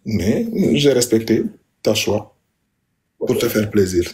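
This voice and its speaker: A man's voice: lowish voice, animated, slow pace, mellow. A man, speaking to his wife in an emphatic, repetitive, aggrieved way. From Senegal. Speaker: husband addressing his wife. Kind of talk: heated personal address.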